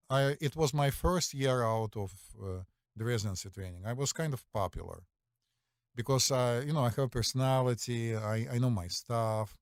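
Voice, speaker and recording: A man's voice: medium pitch, moderate pace, smooth, no echo, studio quality. A middle-aged man with a Russian accent, a physician co-hosting a podcast, telling stories confidently with many fillers and a repeated "right?". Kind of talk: casual storytelling chat.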